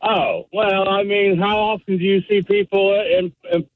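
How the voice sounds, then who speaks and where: A man calling in to a talk show from his car on speakerphone, talking casually with halting starts. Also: high voice, fairly even intonation. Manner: halting, restarts often. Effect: phone on speaker in a car. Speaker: caller. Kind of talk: casual call-in chat. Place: driving in a car. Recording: tinny speakerphone line.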